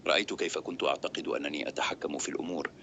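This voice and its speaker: A man reading a dramatic first-person story as scripted narration, steady and grave. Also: extremely low pitch, racing, creaky, a little hiss or hum.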